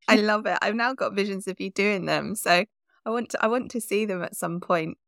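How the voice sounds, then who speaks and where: A woman's voice: mid-range voice, brisk, gravelly, fairly bright tone, no room sound, studio quality. A woman co-hosting a podcast, playful and teasing in casual chat. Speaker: podcast co-host.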